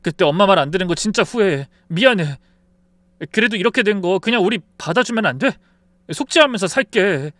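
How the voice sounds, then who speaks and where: A man's voice: high voice, expressive, fairly quick, fairly bright tone, no echo, voice pushed up. A man voicing a remorseful young man apologising to his mother in a storybook reading. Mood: contrite pleading. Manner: pleading, contrite.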